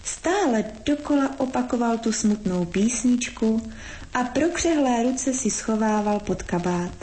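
A woman narrates a storybook in a gentle, measured way. Her voice sits a little high, with a faint hiss of noise underneath. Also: lively intonation, poor audio.

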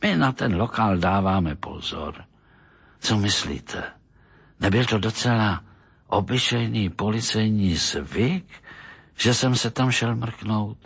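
A man reading a story aloud with a husky voice, in steady storytelling narration. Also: lowish voice. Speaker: audiobook reader.

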